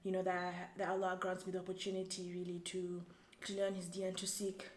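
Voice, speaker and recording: A woman's voice: lowish voice, monotone, darkish tone. Reflective young woman from Zambia, echoey. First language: Tumbuka. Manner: thoughtful, halting, with many restarts. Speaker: guest. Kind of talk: casual interview. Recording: echoey room, faint background noise.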